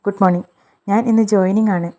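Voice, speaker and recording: A woman voicing an earnest 24-year-old woman starting her first job, with polite, soft replies. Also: mid-range voice, fairly even intonation, quick pace, natural voice.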